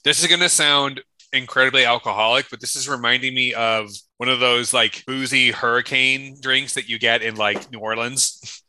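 A man's voice: mid-range voice, fairly even intonation, moderate pace, pushed and bright, no room sound, low-quality recording. A man chatting casually with friends as co-host of a tasting show, rambling along with slang and swearing. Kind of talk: casual chat among friends.

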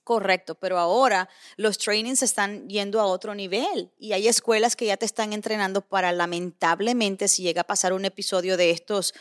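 A woman in her thirties co-hosting a casual talk show, a mother telling stories in an animated way and slipping English phrases into her speech. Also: medium pitch, a little fast, hardly any pauses. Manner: mixes Spanish with English phrases; animated storytelling. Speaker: podcast co-host. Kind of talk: casual chat.

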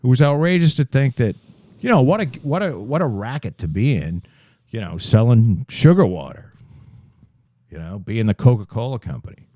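A man's voice: mid-range voice, big pitch swings, moderate pace, warm tone, no room sound. A man in his fifties co-hosting a podcast in casual chat, rambling and swearing as he goes. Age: 50s. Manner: profane, rambling, trailing off. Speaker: podcast co-host.

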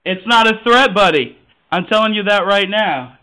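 A man's voice: sits high, normal speed, low-quality recording. Nasal, taunting young man. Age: 20s. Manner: calm, taunting, needling. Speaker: caller. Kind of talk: provoking phone call.

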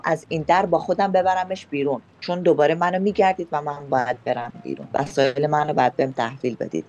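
A woman's voice: on the low side, darkish tone, slight background noise. A woman guest on a talk podcast, indignantly recounting her own run-ins with officials.

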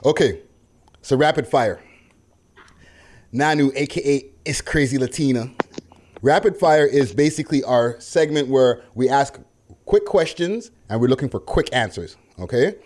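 A man's voice: medium pitch, expressive, moderate pace, a little mellow. A man hosting a podcast with casual, teasing, slangy interview banter. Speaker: podcast host.

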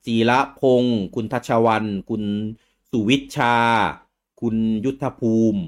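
A man's voice: medium pitch, steady tone, slow. A Thai man hosting a casual livestream, reading out viewer names and stumbling over the hard ones. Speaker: livestream host.

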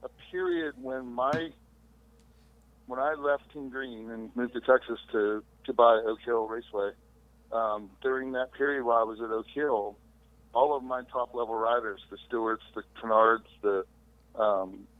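A man's voice: medium pitch, normal speed, dry recording. Middle-aged man on a tinny call. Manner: relaxed, rambling recollection with fillers. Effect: heard over a remote phone call. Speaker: podcast guest. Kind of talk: casual interview storytelling. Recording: tinny dry phone-line audio.

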